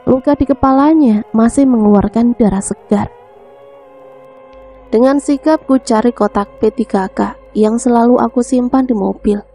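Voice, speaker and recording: Woman storyteller, fairly high voice, emotive tearful delivery, soft music underneath. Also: husky. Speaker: horror story narrator. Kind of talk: dramatic first-person story reading. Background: faint background music.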